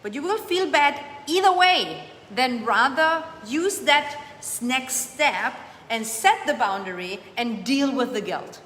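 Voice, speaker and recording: A woman's voice: sits high, lively intonation, takes it slowly, hardly any pauses, a bit bright, a little hiss or hum. A woman hosting a live coaching show, answering viewer comments and urging them on with emphatic, repeated phrases. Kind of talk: motivational live-stream coaching. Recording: echoey room with long reverb, faint ambience.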